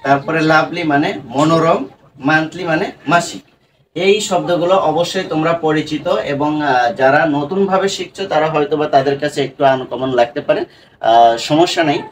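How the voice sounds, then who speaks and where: A man's voice: on the high side, slight background noise. A man teaching English reading and spelling in an online lesson, breaking words into syllables and repeating them.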